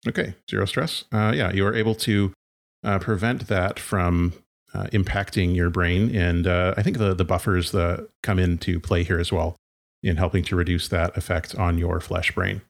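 A man running a tabletop role-playing game as game master, narrating in a halting way with many fillers. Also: low voice, fairly even intonation, gravelly. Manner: halting, with frequent fillers and laughs.

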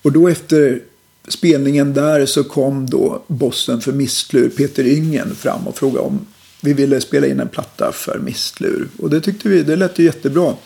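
Middle-aged male musician guest, gravelly and dark-toned, unhurried and reflective. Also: medium pitch. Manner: relaxed, reflective storytelling with many fillers. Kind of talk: casual interview talk.

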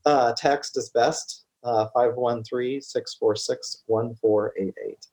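A man at an everyday middle pitch, talking as a real estate guest in a relaxed interview. He is earnest and explains step by step, restarting and repeating words as he goes. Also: slow. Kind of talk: casual conversational interview.

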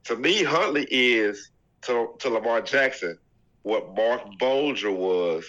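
Congested man with a bright voice. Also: medium pitch, expressive, highs cut off. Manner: measured, pauses to find words. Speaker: podcast co-host. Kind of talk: casual sports debate.

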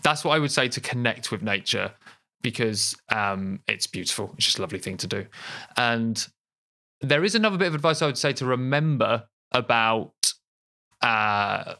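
A man's voice: mid-range voice, expressive, moderate pace, pushed and bright. Chatty man, easy laughter. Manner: chatty, laughs often, playful asides. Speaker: podcast host and guest. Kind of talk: casual chat.

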